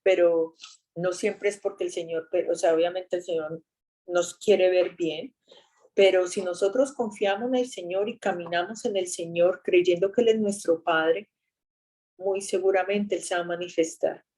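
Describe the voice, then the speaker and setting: A woman's voice: lowish voice, normal speed. Chatty woman telling a faith story. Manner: chatty and animated, telling an anecdote with exclamations. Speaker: speaker giving a faith talk. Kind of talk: casual faith talk with storytelling.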